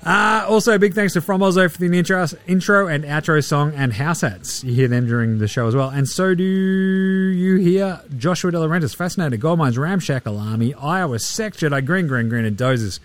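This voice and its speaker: A man's voice: a little high, animated, normal speed. A man with an Australian accent hosting a sports podcast in casual, blokey, sweary chat.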